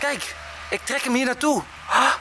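A man giving excited, casual vlog commentary, often dropping in English exclamations. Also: very high-pitched, moderate pace. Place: outdoors on tiles in the sun. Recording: noisy outdoor recording with vehicle sounds.

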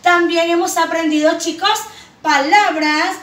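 A woman's voice: very high-pitched, steady tone, fairly bright tone, far from the mic. A woman teaching young children to read, stretching out each syllable and calling the pupils her loves and princesses. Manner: slow, drawn-out syllables, affectionate address to pupils. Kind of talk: children's reading lesson. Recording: echoey room, voice from off the mic.

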